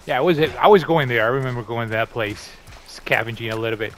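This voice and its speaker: A man's voice: mid-range voice, quick pace, fairly bright tone, a little hiss or hum. A man hosting a gaming channel, chatting upbeat and rambling over his gameplay. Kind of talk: casual gameplay commentary.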